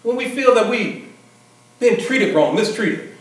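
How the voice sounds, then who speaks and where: A man's voice: high voice, expressive, a little slow. Preacher man, echoey hall. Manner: conversational preaching with repetitions and restarts. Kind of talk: sermon. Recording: echoey hall, far mic, congregation.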